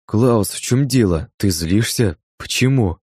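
A man voicing a shrill, hysterical middle-aged woman, the owner of a dog, in an audiobook. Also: expressive, unhurried, a little mellow, slightly rough, no echo, clean studio sound. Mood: pleading. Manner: shrill, screeching. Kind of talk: audiobook character voice.

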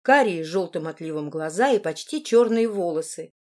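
A woman reading a first-person audiobook in an even, measured way. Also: on the low side. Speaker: audiobook narrator.

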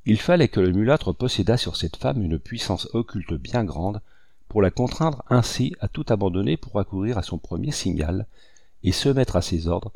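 A man reading a novel aloud in a measured, even narration. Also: on the low side, no room sound. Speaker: audiobook narrator. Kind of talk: scripted literary narration.

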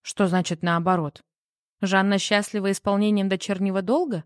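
A woman's voice: medium pitch, moderate pace, a little mellow, no echo, studio quality, natural voice. A woman reading the part of a worried, teasing wife who keeps pressing with questions in an audiobook. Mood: prying. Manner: pushy, needling questions.

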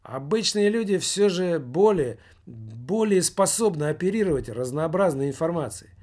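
A man's voice: on the high side, lively intonation, moderate pace, a little mellow. A man voicing a stubborn male office worker who keeps pressing for answers. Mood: insistent. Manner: insistent.

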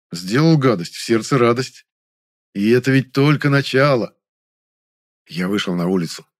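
A man reading first-person narration for an audiobook in an even, measured way. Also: on the low side, dry recording, clean studio sound.

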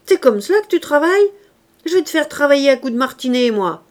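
A woman voicing a harsh, scolding innkeeper's wife in an audiobook, loud and sharp. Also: fairly high pitch, animated, a little slow. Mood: furious.

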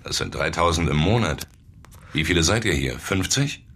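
In a German radio drama, an actor plays a streetwise newspaper reporter, talking in a casual, probing, laconic way. His low male voice is expressive and fairly bright, moving at normal speed with heavily acted delivery. The mood is dry and probing.

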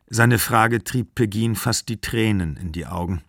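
A man reading a literary novel aloud as an audiobook, measured and even in a studio. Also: lowish voice, vocal fry, no room sound. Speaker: audiobook reader.

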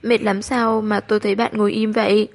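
A woman reading the lines of a cheerful young boy in a quick, friendly way. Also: mid-range voice, little pitch movement, close to an everyday voice.

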